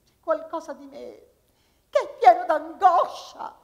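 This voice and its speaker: A woman's voice: very high voice, lively intonation, unhurried, gravelly, pitched above the performer's own voice, exaggerated voice. A woman playing a restless hen who dreams of being an actress, with clucking sounds and a comic, rhyming sing-song. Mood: defiant, comic. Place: stage in a hall before an audience. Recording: live hall with long reverb.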